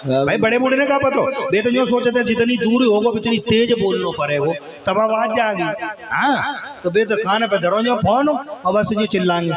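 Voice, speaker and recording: A man's voice: sits high, animated, normal speed, a crowd in the background. A male comedian telling a story live in a chatty rustic village manner, talking straight to the audience.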